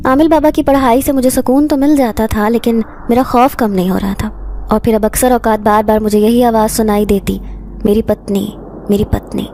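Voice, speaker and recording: A woman narrating a first-person horror story in a steady, dramatic storytelling manner. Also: fairly high pitch, slight background noise.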